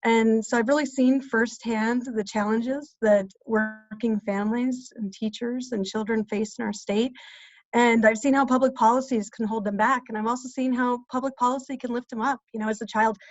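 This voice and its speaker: A woman's voice: a little high, fairly even intonation, moderate pace, no echo. Earnest woman on a dull, dry call. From New Mexico. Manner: warm, earnest, with fillers like "you know". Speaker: policy advocate. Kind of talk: panel introduction on a video call. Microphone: video call. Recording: dull, lo-fi video call audio.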